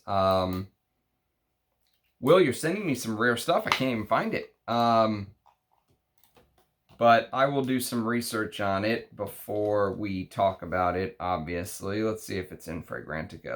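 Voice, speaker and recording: A man with a Texas accent chatting unscripted through an unboxing, halting and thinking aloud as he reads out names. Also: lowish voice, fairly bright tone. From Texas, United States. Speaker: fragrance review show host. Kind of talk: unscripted unboxing chat, reading out names and notes.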